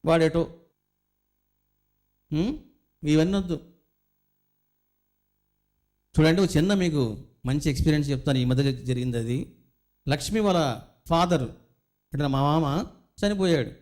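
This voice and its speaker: A man's voice: fairly high pitch, animated, a little slow, pauses often, a little mellow. A middle-aged man, a spiritual teacher, giving a devotional discourse full of stories and rhetorical questions to his listeners.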